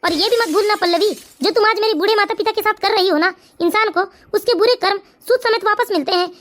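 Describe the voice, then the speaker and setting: A performer with a very high voice playing a dutiful grown son and father in an animated family story, earnest and lecturing. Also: quick pace. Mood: stern. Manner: earnest, turns stern and lecturing. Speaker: cartoon character.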